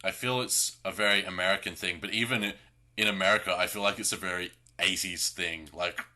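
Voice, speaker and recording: A young man with an Australian accent co-hosting a podcast, sarcastic and deadpan. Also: low-pitched, fairly quick. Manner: dry, deadpan sarcasm with laughs. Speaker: podcast co-host. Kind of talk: casual chat.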